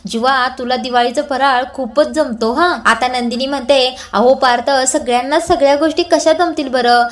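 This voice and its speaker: High-voiced woman recapping a serial. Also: normal speed. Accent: Marathi. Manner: reads every character's lines in her own voice; small hesitations and restarts. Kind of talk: retelling a TV serial episode.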